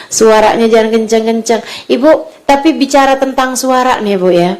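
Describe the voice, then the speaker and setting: A middle-aged woman delivers a sermon to an audience of mothers. Her voice sits a little high, and she sinks into soft, near-whispered counsel before lifting back up into animated storytelling. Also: normal speed. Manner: shifts from soft, hushed advice to lively raised storytelling. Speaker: preacher.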